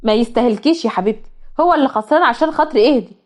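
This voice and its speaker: Woman doing an angry egyptian big brother, blunt, still high and fast. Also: a little mellow, close to an everyday voice. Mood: indignant. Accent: Egyptian Arabic. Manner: blunt, indignant. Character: protective older brother, angry young man.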